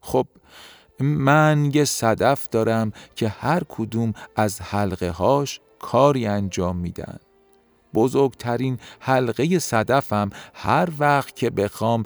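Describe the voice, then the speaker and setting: A man voicing a calm, wise magical snail who speaks patiently and gently. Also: lowish voice, creaky, no room sound.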